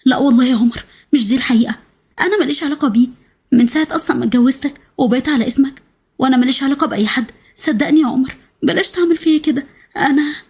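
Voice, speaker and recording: A woman's voice: sits high, racing, a little mellow, breathy edge. A woman voicing a terrified young wife with an Egyptian accent, begging to be believed in a storybook reading. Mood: pleading. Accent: Egyptian Arabic. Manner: begging, pleading.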